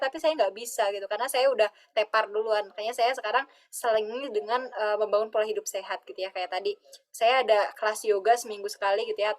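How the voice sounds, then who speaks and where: A woman with a Sundanese-tinged Indonesian accent, a webinar guest in casual sharing talk, chatty, laughing often and acting out her own thoughts over a video call. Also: on the high side.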